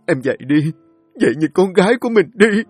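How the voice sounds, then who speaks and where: A man's voice: medium pitch, normal speed, a little mellow, no echo, faint music behind, natural voice. A man voicing a grief-stricken young husband who pleads tearfully with his dying wife. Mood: sobbing desperate. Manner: sobbing, pleading, voice breaking.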